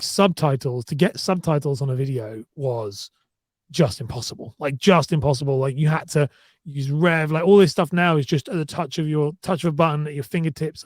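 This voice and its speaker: Podcast guest: fast, chatty southern English man, fairly high voice, dry. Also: no echo. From southern England. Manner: fast-talking, chatty, many fillers and restarts. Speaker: podcast guest, content marketer. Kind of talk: casual podcast chat.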